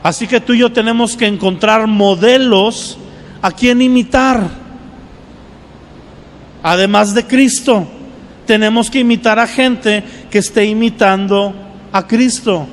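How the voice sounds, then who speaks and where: A man's voice: high voice, fairly even intonation, a little slow, pauses often, big-room sound. A male pastor preaching a sermon, with call-and-response asides to the congregation.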